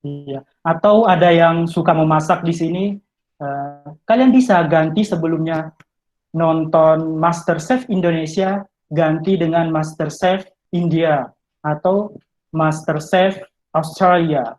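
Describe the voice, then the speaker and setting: Fairly high in pitch and slow, his slightly mellow voice comes through poor video-call audio. He's an English tutor sharing study advice online, breaking it down step by step and speaking directly to those listening.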